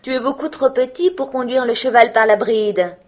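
A woman voicing a poor, kindly peasant father in a storybook, in a plain, steady tone. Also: a little high, normal speed, lightly acted. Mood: wistful.

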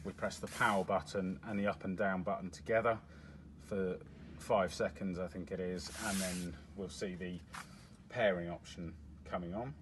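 At normal speed and with fairly even intonation, a low-voiced man shows how a device works, pressing its buttons step by step at an indoor table with a demo unit. His product walkthrough is plain and matter-of-fact, over noticeable background noise.

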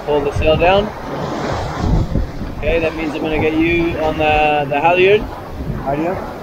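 A man's voice: a little high, steady tone, unhurried, lo-fi sound. A man working on a sailboat deck who gives short spoken instructions to his crewmate. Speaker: sailing crew member. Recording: loud wind and sea noise.

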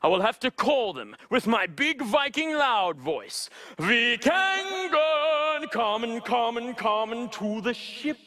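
A big eager Viking for kids' television. He booms in a high, swooping voice and takes his time over every word, theatrical and a bit slow-witted. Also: big pitch swings, bright, forceful tone, exaggerated voice. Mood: booming, searching. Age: young adult. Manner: booming, exaggerated Viking delivery, theatrical. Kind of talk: children's television musical skit.

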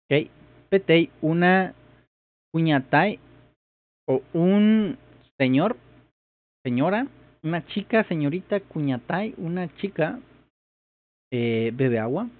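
A man's voice: fairly high pitch, animated, slow, long pauses. A man vlogging his first try at a new language, thinking aloud hesitantly and repeating phrases as he works them out. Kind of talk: casual thinking-aloud commentary. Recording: tinny phone-like sound.

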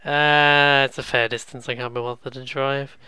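A man's voice: mid-range voice, level tone, moderate pace, sharp tone, clear, resonant tone, dry recording. A man giving casual let's play commentary, musing aloud and joking as he goes. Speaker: gaming video host.

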